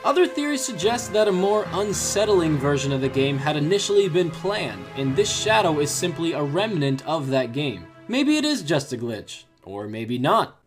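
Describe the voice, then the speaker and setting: A man's voice: fairly high pitch, sing-song, normal speed, few pauses. A man hosting a scripted countdown video, narrating in a theatrical, tongue-in-cheek storytelling manner. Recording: music behind the voice. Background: background music.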